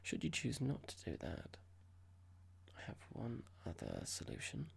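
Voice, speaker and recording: This whispered ASMR roleplay features a performer as a cold, smug corporate boss, talking slowly and deliberately with a breathy creak and mock politeness. The voice is medium-pitched and exaggerated, with huge swings in pitch, and the mood is cold and formal.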